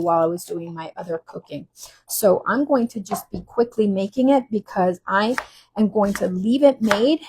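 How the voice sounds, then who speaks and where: A woman talks through a kitchen recipe in a loose, rambling way, filling pauses with ums. Her voice is slightly husky and sits at an ordinary middle pitch. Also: warm tone. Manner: chatty, rambling, many ums. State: teary from cutting shallots. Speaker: cooking channel host. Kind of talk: casual cooking demo. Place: kitchen while traveling.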